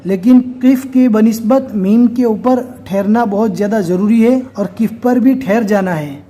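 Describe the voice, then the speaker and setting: High mellow guy teaching quran reading, patient step by step explaining. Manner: explains slowly and step by step, then recites in a slow chanting voice. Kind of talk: recorded recitation lesson.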